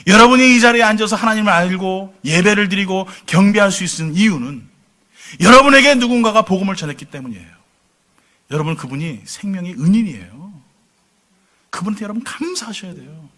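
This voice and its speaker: A man's voice: sits high, lively intonation, fairly quick, pushed and bright. A middle-aged man preaching a sermon to his congregation, telling his story with questions thrown to the listeners. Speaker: pastor. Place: church sanctuary.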